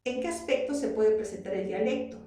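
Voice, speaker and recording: A woman's voice: medium pitch, a little fast, dark tone. A woman teacher from Peru with a Peruvian accent, explaining a lesson patiently and asking her students rhetorical questions. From Arequipa, Peru. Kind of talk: classroom lesson. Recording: very echoey room, voice far from mic.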